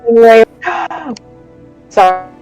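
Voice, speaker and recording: A woman's voice: on the high side, very animated, slow pace, darkish tone, husky, faint music behind. A woman playing a tabletop game over an online call, her audio choppy and cutting out. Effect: choppy online call audio that keeps cutting out.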